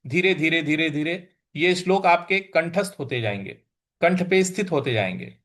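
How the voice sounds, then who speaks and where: High-pitched man drilling slow Sanskrit recitation. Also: fairly bright tone. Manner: repeats each word slowly, stressing syllables; chants verses in a slow sing-song.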